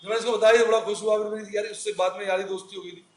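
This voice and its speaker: Guy teaching accounting, really high voice, keeps asking the class stuff then answering it, echoey room. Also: level tone, very fast. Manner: chatty, asks the class questions and answers them. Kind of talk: recorded classroom lecture.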